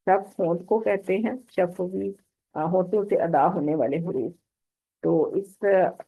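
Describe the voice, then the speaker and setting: A woman teaching a Quran recitation lesson online, slowly explaining rules and reciting examples while unwell. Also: lowish voice, gravelly. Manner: slow, patient explaining with drawn-out recited examples. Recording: tinny phone-line audio.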